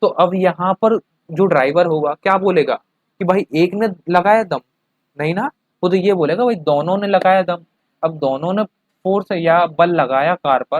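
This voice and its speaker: Male tutor, higher voice, patient classroom explainer, dry muffled recording. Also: no echo. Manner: explains with everyday examples and keeps checking understanding. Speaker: teacher. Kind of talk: classroom chemistry lecture.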